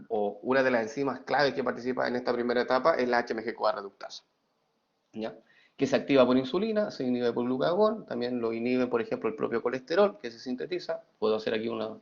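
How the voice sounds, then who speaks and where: In a medium-pitched, creaky voice, a middle-aged online teacher reads out his students' chat messages with a playful touch, then lectures. The sound quality is dull and lo-fi.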